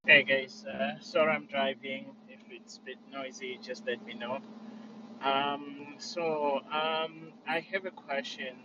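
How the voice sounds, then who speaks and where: A man calling in on a car speakerphone while driving, speaking hesitantly with many pauses. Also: mid-range voice, fairly even intonation. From South Africa. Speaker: caller. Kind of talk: casual group audio chat. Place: moving car. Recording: distant dull car speakerphone with road noise. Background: engine and road noise.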